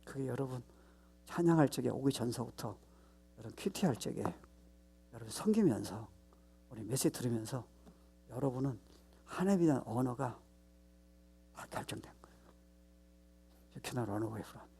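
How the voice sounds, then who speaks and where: A male pastor preaching a sermon, stressing points loudly, then dropping to low asides, with English phrases mixed into his talk. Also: animated, normal speed, long pauses, a little hiss or hum. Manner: emphatic, mixes English phrases into his Korean; swings between loud stress and low, soft asides.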